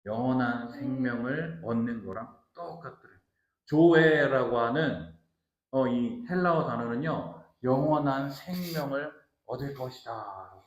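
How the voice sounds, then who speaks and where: A male pastor giving an animated sermon to a small family congregation, quizzing his listeners as he goes. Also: mid-range voice, a little slow. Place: small office used as a church. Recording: roomy echo.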